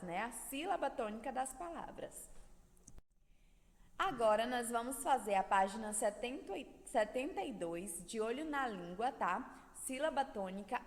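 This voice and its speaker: A Brazilian woman teaching young children, her fairly high voice rising and falling a great deal. She stretches out syllables and leans hard on the stressed ones. The long reverb of an echoey room trails after her words. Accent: Brazilian Portuguese. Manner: drawn-out syllables, sing-song stress on words. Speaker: primary school teacher. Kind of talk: recorded video lesson for children.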